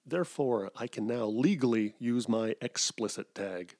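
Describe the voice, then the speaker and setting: A man's voice: medium pitch, a little slow, darkish tone. A middle-aged man from Wisconsin hosting a solo podcast, rambling through digressions with self-mocking asides. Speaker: podcast host.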